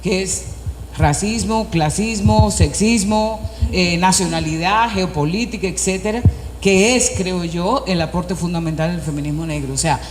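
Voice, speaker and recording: A woman from the Republic, speaking on an academic panel in a measured, explanatory way and posing questions she then answers herself. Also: fairly low pitch. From Dominican Republic. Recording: echoey hall with faint background noise.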